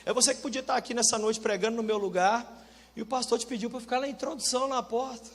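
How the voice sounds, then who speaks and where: A man's voice: very high voice, fast talker, big-room sound. A man preaching a sermon as pastor, telling stories in a direct, colloquial and humorous way, acting out other people's voices. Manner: animated storytelling with humor, voicing other people.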